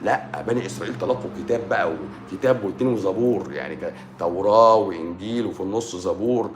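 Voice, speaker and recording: Fast-talking Egyptian man preaching casually. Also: deep voice, a little hiss or hum. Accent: Egyptian Arabic. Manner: colloquial, repetitive, addresses listener as "pasha". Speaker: doctor giving a livestream talk. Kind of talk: informal religious and philosophical talk.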